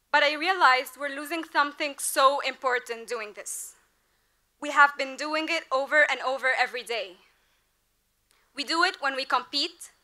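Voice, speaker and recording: A woman's voice: sits high, bright, forceful tone. A young woman in her twenties, the graduating class representative, delivering an earnest, rhetorical commencement speech at a podium mic during a large outdoor ceremony. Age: 20s. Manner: earnest, rhetorical, building to emphatic peaks.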